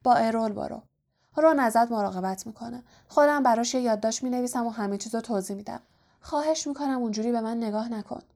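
Brief: a defiant teenage boy, as a woman reads him, cool, guarded and quick. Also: on the high side, a little mellow, close to an everyday voice. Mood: sad.

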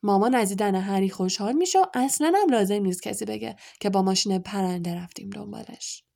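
A woman voicing a mischievous teenage wizard boy in a hushed, sly tone. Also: medium pitch, vocal fry. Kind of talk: audiobook character voice.

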